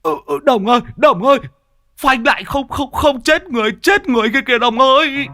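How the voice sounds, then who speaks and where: A man's voice: very high-pitched, lively intonation, a little fast, pushed and bright, soft background music, voice pushed up, exaggerated voice. A man voicing a jittery, fearful male passenger who stammers. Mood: panicked. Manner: frantic, stammering.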